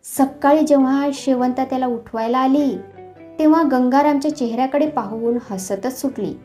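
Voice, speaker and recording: Expressive woman storyteller, mellow voice. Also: high voice, moderate pace, soft background music. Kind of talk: scripted storybook narration.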